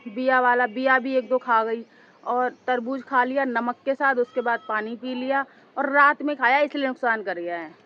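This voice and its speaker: A woman vlogger with a hoarse, sore throat, chatting casually and rambling to her viewers as she records outdoors on a two-storey house with a handheld phone. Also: high-pitched, moderate pace, highs cut off. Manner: rambling, talks straight to viewers as "guys".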